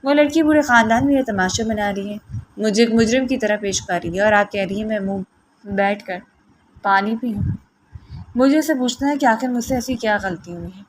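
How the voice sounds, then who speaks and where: A woman's voice: on the high side, a little hiss or hum, natural voice, rough recording. A woman reading the part of a stern, angry young husband who talks in harsh, demanding bursts.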